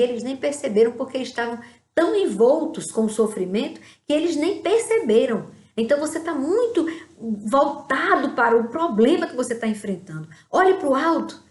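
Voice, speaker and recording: A woman preaching a devotional sermon, acting out prayers and conversations in a softer, quieter voice. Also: on the high side, echoey room. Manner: acts out prayers and dialogues in softer quiet tones.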